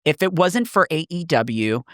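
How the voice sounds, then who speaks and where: A man's voice: on the high side, animated, unhurried, no room sound, studio quality. A man co-hosting a casual podcast, speaking earnestly and emphatically, often repeating phrases for weight. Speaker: podcast co-host.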